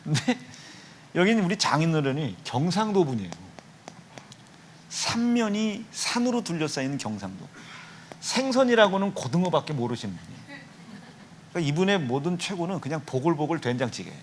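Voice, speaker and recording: A man's voice: on the high side, very animated, moderate pace, long pauses, slight background noise. A middle-aged man from Chungcheong preaching a revival sermon in a church, joking and teasing members of the congregation by name. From Chungcheong, Korea. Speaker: pastor. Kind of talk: revival sermon with humorous anecdotes. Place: church sanctuary.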